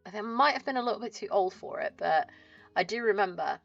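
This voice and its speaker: A woman's voice: medium pitch, lively intonation, fast, vocal fry, muffled recording, faint music behind. A woman with a southern English accent chatting casually as a livestream host, chirpy and friendly in a cute streamer manner.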